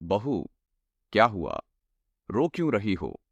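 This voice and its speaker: A woman doing a deep stern cartoon father-in-law. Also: wildly swooping pitch, slow pace, gravelly, slightly rough, no room sound, lo-fi sound, exaggerated voice. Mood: scolding. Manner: scolding, protective.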